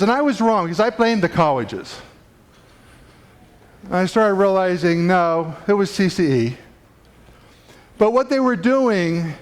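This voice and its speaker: With a high-pitched, clean-toned voice, a male chiropractic speaker preaches emphatically to fellow professionals in a conference room. His motivational talk to the live audience keeps building in intensity.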